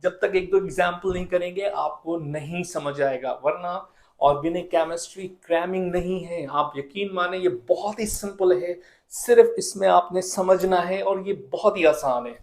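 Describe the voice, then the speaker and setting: High-voiced man teaching chemistry. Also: normal speed, a little mellow. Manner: asks questions and answers them himself, repeats key rules. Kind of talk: classroom lecture.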